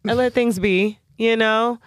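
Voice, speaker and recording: A woman co-hosting a casual, comic chat, telling things in a playful, animated way. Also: a little high, measured pace, dry recording.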